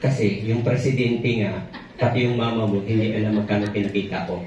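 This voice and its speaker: Man playing a tired stern father, low and weary, far-off echoey room sound. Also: quick pace, warm tone, slight background noise, natural voice. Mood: hushed.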